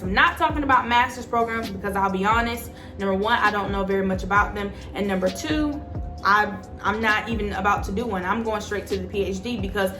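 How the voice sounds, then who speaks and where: Speaking in a mid-range, reverberant voice, a vlogger in her twenties chats to camera with emphatic, casual advice, addressing her audience as "y'all."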